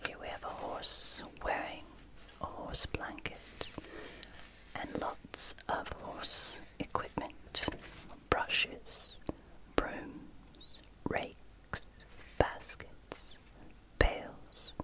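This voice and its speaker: An ASMR host speaking in a soft, unvoiced library whisper, gently reading and commenting on a book in short phrases with pauses. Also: poor audio.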